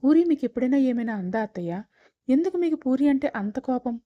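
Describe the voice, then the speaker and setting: A man's voice: very high-pitched, fairly quick, no room sound, muffled recording, pitched above the performer's own voice. A woman narrator voicing an indignant young husband confronting his aunt in a storybook reading. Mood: angry. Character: young man, angry protective husband.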